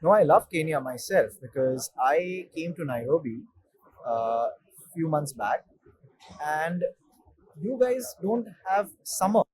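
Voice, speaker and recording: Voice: medium pitch, lively intonation, slow, a little mellow, rough recording. A host running an interview in a casual way, with frequent short affirmations.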